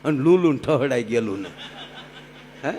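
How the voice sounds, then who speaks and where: A man telling folk stories on stage, lively and joking, switching between voices. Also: mid-range voice, moderate pace, slight background noise. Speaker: folk storyteller. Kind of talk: live humorous folk storytelling.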